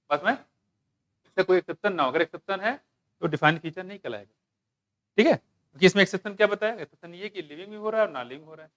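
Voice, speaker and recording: A man teaching a biology class, asking students questions, joking and reading textbook lines slowly. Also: high voice. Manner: asks students questions and jokes, mixing Hindi with English textbook lines; slows down to read English lines aloud. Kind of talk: classroom lecture.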